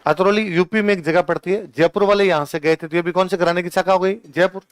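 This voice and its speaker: A male teacher giving an exam-prep lecture with a Rajasthani Hindi accent. He keeps asking questions and answering them himself, and he dictates notes slowly, saying each line more than once. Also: high voice, fairly even intonation, clear, resonant tone, dry recording.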